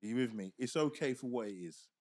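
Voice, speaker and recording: A man's voice: medium pitch, lively intonation, fast, darkish tone. A man, co-hosting a casual chat with a playful, teasing manner. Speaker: podcast co-host.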